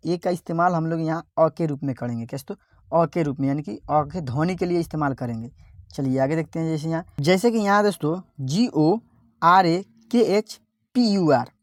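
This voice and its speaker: A woman teacher, giving an online spelling lesson, sounding out letters slowly and repeating each word. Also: fairly low pitch, a little mellow, dry recording, studio quality.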